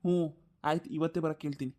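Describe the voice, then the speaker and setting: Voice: medium pitch, steady tone, rapid-fire, a little mellow, natural voice. A performer doing a whiny, lazy grown son. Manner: whiny, complaining. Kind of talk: cartoon voice acting.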